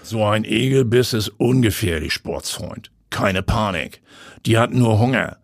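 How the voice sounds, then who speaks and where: A man voicing a calm male paramedic who reassures a patient in a matey tone. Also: fairly low pitch, a little slow, no room sound, clean studio sound. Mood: reassuring.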